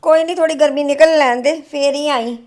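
A woman playing a high-voiced, stressed young wife. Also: fairly even intonation, brisk, lightly acted. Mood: irritated, complaining. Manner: sharp, complaining, then weary and low. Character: stressed young wife worried about debts. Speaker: daughter-in-law character.

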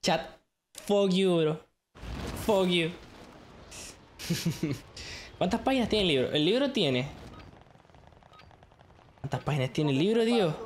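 A man's voice: sits high, expressive, slow pace, pauses often. A young man streaming a shooter game live, chatting loosely with his viewers, joking, laughing often and tossing in English slang. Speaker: gaming streamer. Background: game sounds and clicks.

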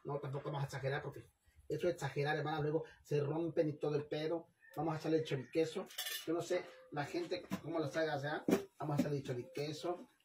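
A man's voice: a little high, steady tone, quick pace, darkish tone, slight background noise. A man with a Mexican accent chatting casually while he cooks on camera, playful and campy, and he laughs often. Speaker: vlogger cooking on camera. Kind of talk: casual live cooking chat.

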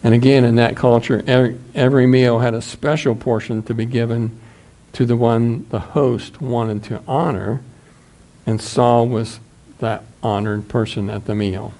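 A man in his sixties with a Midwestern American accent, preaching a sermon in a small church and reading scripture at a measured pace. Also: medium pitch, flat delivery, dark tone. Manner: measured, reads scripture aloud from a booklet. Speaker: pastor.

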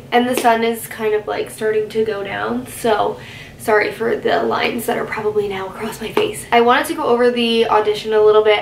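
In this vlog, a woman in her twenties chats casually to the camera first from her car and then from her bedroom at home, her speech packed with "like," "I guess you could say," and little asides. Her voice sits a little high. The recording is poor, with a roomy sound and slight background noise.

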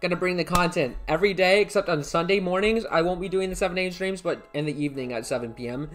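Faint music sits behind a young American streamer whose high, somewhat bright voice moves at a quick pace. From a computer in an indoor room, he casually hosts a live game stream over a headset mic, rambling, repeating himself, reading out chat messages, and thanking viewers by name.

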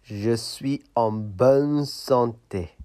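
A man voicing a childish, pushy male toy elephant in slow puppet play for learners, insistent and whiny, repeating himself. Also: mid-range voice, mellow. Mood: proud.

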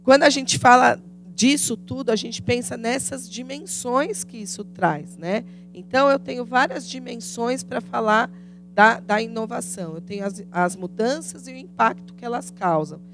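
Woman lecturing with vocal fry. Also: fairly high pitch, normal speed, fairly bright tone, faint music behind. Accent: Brazilian Portuguese. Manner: didactic, asks rhetorical questions, frequent tag "né?". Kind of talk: business lecture. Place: conference room with audience, indoors. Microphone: handheld microphone.

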